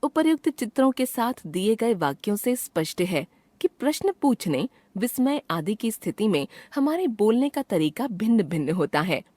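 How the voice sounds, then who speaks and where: A woman reading a grammar chapter aloud as a lesson, in a clear, measured way, giving her example sentences some expression. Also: mid-range voice, very animated, dark tone, dry recording. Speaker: teacher reading a textbook chapter. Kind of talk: scripted narration of a grammar lesson.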